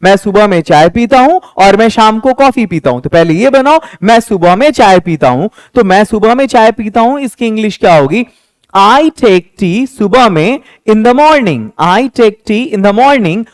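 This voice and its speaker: Young guy teaching english, high lively voice, slow and patient, dry close sound. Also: no room sound. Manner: explains patiently, repeating example sentences slowly. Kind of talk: spoken English lesson.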